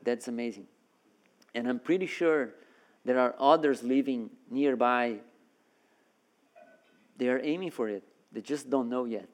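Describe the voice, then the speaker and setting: A man's voice: mid-range voice, unhurried, pauses often. A man from Brazil preaching a sermon as a guest, earnest and full of restarts and repeated words. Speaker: guest preacher and seminary worker.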